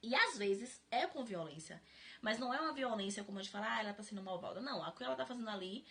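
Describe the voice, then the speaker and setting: Animated woman, lively pitch. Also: fast talker. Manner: animated, explanatory, laughs often. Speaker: book club host. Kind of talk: casual live-stream talk.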